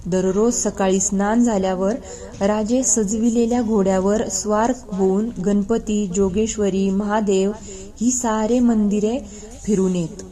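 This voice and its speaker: A woman reading a historical novel aloud in a measured storytelling manner. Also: mid-range voice, steady tone, dark tone. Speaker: reader.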